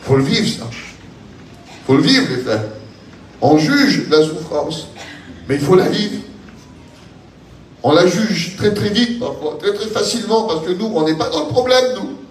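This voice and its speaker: A man with a southern French accent delivers a sermon in a high, impassioned voice. He hammers phrases again and again and climbs toward shouting. He is heard from some distance in an echoey hall, with faint ambience behind him. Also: animated, measured pace, long pauses, slight background noise. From France. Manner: impassioned, repetitive cadence, builds to shouting. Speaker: preacher.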